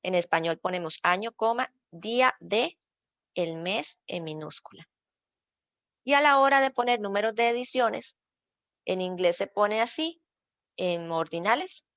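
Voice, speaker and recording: Woman, librarian teaching a workshop, gravelly edge, dry close sound. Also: medium pitch, animated, measured pace, a bit bright, no echo. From Costa Rica. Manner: patient, explains step by step with slides. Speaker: librarian teaching citation style. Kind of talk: online workshop lesson.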